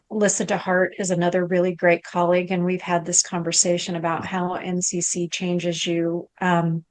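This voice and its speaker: A middle-aged woman, a guest coach, telling a story in a conversational interview, her voice rising high as she relives moments. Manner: animated, rises high when reliving moments.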